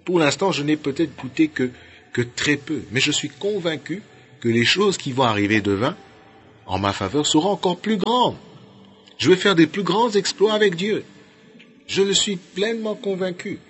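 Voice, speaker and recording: A man from Congo preaching a sermon, fervent, rising to loud outbursts and dropping to quiet, low endings. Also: animated, normal speed, soft background music.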